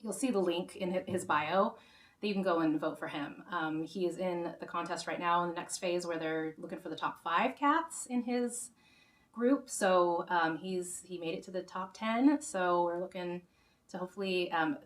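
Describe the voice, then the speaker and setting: The host of a music show talks casually to her audience, wandering from thought to thought and often starting over. Her voice is fairly low and moderately paced, somewhat worn and slightly hoarse. A far-off mic gives a roomy sound, and a guitar can be heard faintly.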